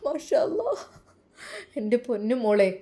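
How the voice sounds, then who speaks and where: A woman's voice: fairly high pitch, big pitch swings, unhurried, dark tone. A woman voicing an emotional, astonished father. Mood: overjoyed. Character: overjoyed father reunited with his daughter.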